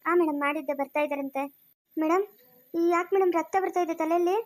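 A man's voice: extremely high pitch, fairly even intonation, quick pace. A performer in a family drama playing a loyal police constable who reports to his officer and worries for her. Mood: worried. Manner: dutiful, anxious. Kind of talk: amateur family drama acting.

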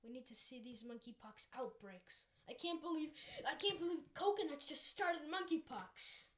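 A woman's voice: high voice, animated, normal speed. A woman voicing an angry, bossy male mad-scientist villain in a fan-made puppet cartoon. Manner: bossy, shouting.

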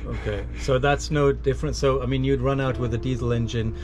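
A man's voice: medium pitch, steady tone, a little fast, music in the background. A man interviewing a boat owner, asking probing, practical questions.

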